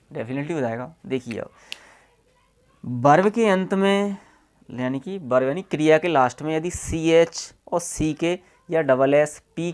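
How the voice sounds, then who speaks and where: Man explaining words step by step. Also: a little high. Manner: colloquial, repeats checks like "okay" and "see here"; spells out letters and repeats example words slowly. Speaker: English teacher. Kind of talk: classroom-style explanation.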